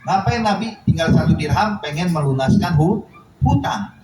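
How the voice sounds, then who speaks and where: Lively preacher in echoey hall. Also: male voice, on the high side, moderate pace. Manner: animated, acting out dialogue in the story. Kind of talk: sermon storytelling. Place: mosque or study hall. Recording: echoey hall, distant mic, noise.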